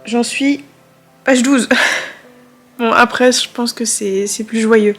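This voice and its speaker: A woman's voice: fairly high pitch, fairly even intonation, takes it slowly, faint music behind. A woman vlogger chatting casually about her drawing and reading, with fillers and half-whispered asides. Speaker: art vlogger. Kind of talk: casual chat.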